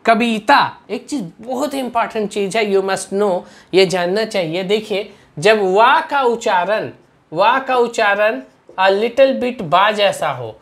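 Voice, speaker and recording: A woman teaching a spelling lesson, sounding out words slowly and putting quick questions to her students. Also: medium pitch. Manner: drills words slowly and asks the class questions.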